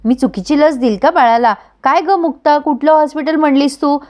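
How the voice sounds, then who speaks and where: Brief: rude, arrogant young woman, a woman voicing her, high, curt, dismissive. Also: a little fast, dull audio, natural voice.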